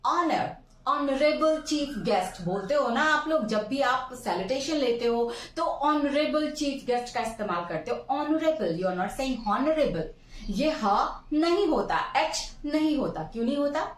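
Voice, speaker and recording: A woman teaching English pronunciation in Hindi and English, calling her viewers friends and repeating words slowly. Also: high voice, expressive, roomy sound, recorded from a distance, poor audio.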